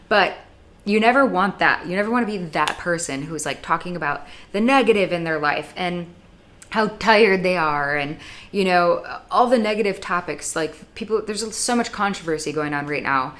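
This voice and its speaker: A young adult American woman, a YouTube vlogger, delivers blunt, sarcastic advice in a casual monologue full of dramatic asides. Her voice is lowish and a bit bright, at a moderate pace.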